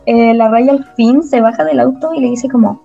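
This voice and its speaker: A young woman with a Chilean accent, retelling a story among friends in a relaxed, halting way. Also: fairly high pitch, gravelly, faint music behind. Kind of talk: casual chat, retelling a story. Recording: slightly muffled recording.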